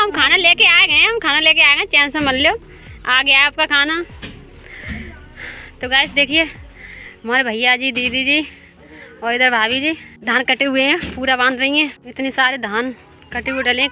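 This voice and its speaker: A woman's voice: high voice, a little slow, sharp tone, faint music behind. A woman chatting casually and laughing often as she films a vlog outdoors in the fields. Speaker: vlogger.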